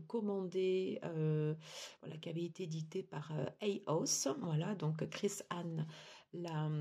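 A woman's voice: fairly low pitch, a little mellow, husky. A woman giving a chatty tarot deck review, full of fillers and restarts.

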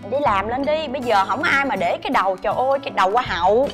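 A woman's voice: fairly high pitch, racing, faint music behind, natural voice. An actress playing a flashy, bossy woman who mocks her plain friend. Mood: bossy mocking. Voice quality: loud, bossy, mocking. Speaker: actress in a TV drama.

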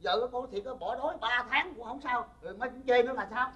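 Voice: medium pitch, a bit bright, lightly acted. Comic actor as an exasperated grown son, Southern Vietnamese accent, teasing, arguing, mid-range voice. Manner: teasing, arguing, quick comebacks. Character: exasperated adult son arguing with his mother. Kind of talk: stage comedy sketch.

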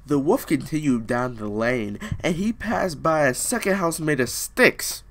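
This comedic fairy-tale reading comes from a young man with a fairly high, animated voice who keeps a measured pace. Close to a webcam in a small room, he stops to riff and crack jokes in slang.

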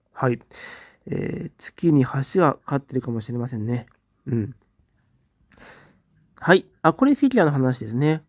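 A man in a casual livestream, reading out viewer comments and giving short, relaxed replies. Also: fairly high pitch, no room sound, clean studio sound. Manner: relaxed, reads comments aloud with brief replies.

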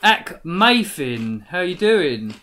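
Bright-voiced British man hosting. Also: sits high, very animated, slow. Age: late 30s. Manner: chatty, laughs easily, rambling musings. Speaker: stream host. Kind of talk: casual chat while gaming.

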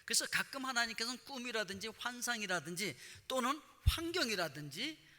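A middle-aged man as pastor, giving a conversational sermon and telling stories in a lively way, often dropping short affirming words. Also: extremely high pitch, brisk. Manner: animated storytelling with frequent affirming interjections. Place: church sanctuary. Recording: reverberant hall.

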